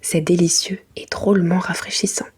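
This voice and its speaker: A woman reading a children's storybook in a hushed, breathy library whisper, in a soft ASMR style. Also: lowish voice, little pitch movement, normal speed. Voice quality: breathy, unvoiced.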